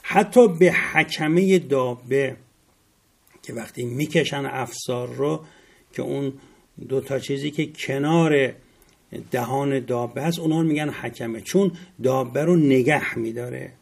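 Middle-aged guy teaching a class on word roots, gravelly and a bit husky, spells letters out slow. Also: mid-range voice. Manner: spells out letters slowly, rising emphasis. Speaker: religious studies teacher.

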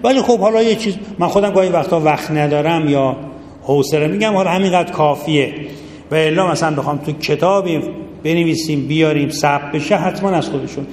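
A man's voice: a little high, darkish tone, a little hiss or hum. A middle-aged man teaching a seminary jurisprudence class, talking casually and addressing his students directly. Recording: echoey hall with long reverb, faint ambience.

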